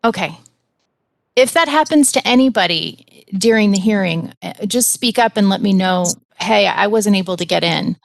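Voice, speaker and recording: A woman's voice: medium pitch, normal speed, gravelly, no room sound. Woman judge, dry close sound, polite. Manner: polite, procedural. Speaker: judge presiding over a regulatory hearing. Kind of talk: formal hearing procedure. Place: remote hearing by audio and video link.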